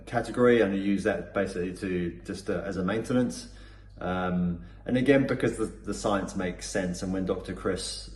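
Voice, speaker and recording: This Cornish man has a low voice and a somewhat dark tone, and his accent is Cornish English. Speaking off the cuff in a customer testimonial, he falters with many fillers and starts over repeatedly. Faint noise sits in the background of an echoey room.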